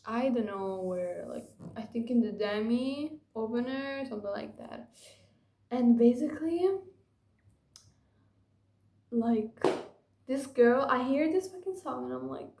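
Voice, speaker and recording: Slow, rambling young woman in an echoey room. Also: a little high, creaky, warm tone, slight background noise. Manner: rambling, gushing, many fillers. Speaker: vlogger. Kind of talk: casual confessional vlog.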